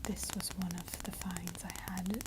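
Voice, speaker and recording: A woman whispering softly and breathily in a casual, rambling ASMR style, close to the mic while she taps on items with her fingers. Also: on the low side, flat delivery, unhurried. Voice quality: breathy, mostly unvoiced whisper. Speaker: ASMR video creator. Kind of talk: whispered, soft-spoken ASMR. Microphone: close ASMR microphone. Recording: close noisy mic with tapping and clicks. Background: finger tapping and clicking on objects.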